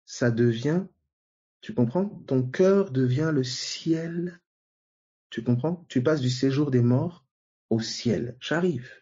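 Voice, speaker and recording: Male preacher, slow and repetitive, mellow tone, dull muffled recording. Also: mid-range voice, breathy edge. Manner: slow, repeats and asks the listeners "vous voyez?" often. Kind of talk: sermon teaching.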